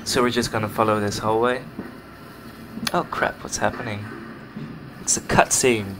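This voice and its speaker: With a lowish, fairly even voice at normal speed, a Dutch-accented man from the Netherlands chats loosely over his game, often searching for the right word. It's casual let's play commentary captured through a desk microphone on a computer, with game music and background noise in the mix.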